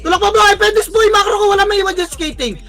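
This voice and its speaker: A Filipino man calling commands to his team during an online game, barking quick orders and swearing often. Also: very high-pitched, vocal fry, sharp tone, soft background music. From Philippines. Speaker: team shotcaller. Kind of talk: live game commentary and team calls.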